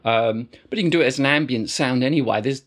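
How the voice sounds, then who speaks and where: A middle-aged man teaching didgeridoo techniques in a relaxed, rambling way, full of fillers and restarts. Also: mid-range voice, quick pace. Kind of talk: casual instructional explanation.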